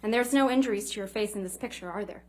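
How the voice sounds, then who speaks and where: A woman's voice: mid-range voice, fast. Casting: female courtroom lawyer, cross examination style, pointed and clipped, leading questions.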